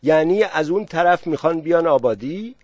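A man's voice: a little high, expressive, a little mellow, no echo, voice pushed up. A man doing a commanding village headman. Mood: concerned. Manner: brisk, gives orders.

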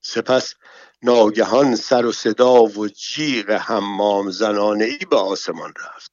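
A man narrating an audiobook in an even, measured storytelling voice. His voice sits mid-range, and the recording is dry with a slightly dull, muffled top end. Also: lowish voice, dry recording.

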